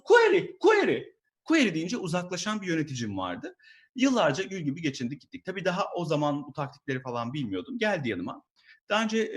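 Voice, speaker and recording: Young male stand-up comic, lively storyteller, pitch climbs high. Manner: animated storytelling, mimics his boss in a high voice. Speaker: stand-up comedian. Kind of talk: stand-up comedy monologue.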